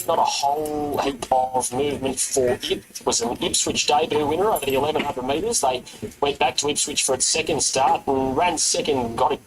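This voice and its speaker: A man's voice: mid-range voice, low-quality recording. A man presenting horse racing, running through form and betting updates.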